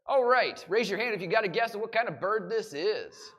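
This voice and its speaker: A man's voice: high-pitched, expressive, a little fast, fairly bright tone. A falconer gives a live talk to a family audience in a library room, asking the crowd question after question. His voice swings up and down a lot, and he keeps it playful. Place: indoor library event room.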